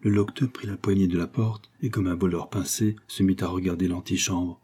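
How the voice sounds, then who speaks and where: A man reading a short story aloud in a slow, measured way. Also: deep voice, fairly even intonation, warm tone, slightly rough. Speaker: narrator.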